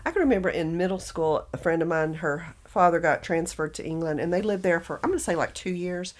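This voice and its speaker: A woman's voice: fairly low pitch, fairly even intonation, brisk. A woman with a Southern US accent, co-hosting a podcast in casual chat and telling stories with easy laughter. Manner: chatty storyteller, laughs often. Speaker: podcast co-host.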